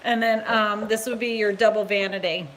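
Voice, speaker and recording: A woman's voice: mid-range voice, fairly even intonation, normal speed, a bit bright, long reverb tail, slight background noise, poor audio. A woman from Massachusetts, a real estate agent, giving a casual, blunt and chatty live-streamed tour inside an empty new house. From Massachusetts, USA. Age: adult.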